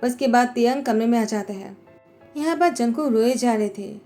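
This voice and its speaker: A woman narrating a fan-fiction story recap in a steady, plain storytelling manner. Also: on the high side, moderate pace, faint music behind.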